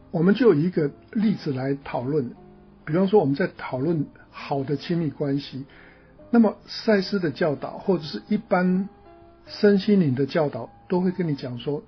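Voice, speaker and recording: A man with a slightly high voice gives a patient lecture, building his points step by step and tossing rhetorical questions at the audience. The recording sounds a little dull and lo-fi, with faint music underneath. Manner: explanatory, rhetorical questions, frequent "哈" tag. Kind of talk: spiritual teaching lecture.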